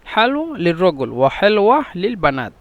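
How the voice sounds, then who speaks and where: A man gives a language lesson in a notably high voice. He goes slowly and repeats each phrase again and again for his students. The sound is close and dry, with no room echo. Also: sing-song, narrow, tinny audio. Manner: patient, repeats each phrase several times. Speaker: Arabic teacher. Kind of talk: classroom-style language lesson.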